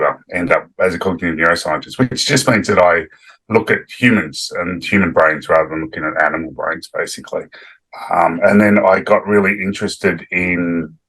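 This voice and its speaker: Middle-aged male expert guest, very deep voice, relaxed and rambling. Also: husky, rough recording. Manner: relaxed, rambling, many "um" and "yeah". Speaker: guest neuroscientist. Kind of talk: interview explanation.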